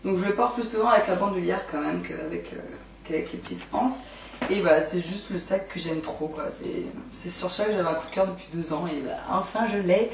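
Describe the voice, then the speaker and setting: A young woman in her twenties with a hoarse voice from laryngitis, chatting casually on her vlog and rambling with lots of fillers. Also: fairly low pitch, brisk, distant mic, background noise. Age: 20s. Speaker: beauty and lifestyle vlogger. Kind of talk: casual chat. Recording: echoey room, mic set back.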